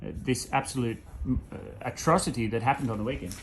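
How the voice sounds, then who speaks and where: A man playing a mock-earnest local newspaper reporter who needles his guest in a halting, mock-formal way. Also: medium pitch, slight background noise, natural voice, low-quality recording. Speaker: interviewer. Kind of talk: mock sports interview.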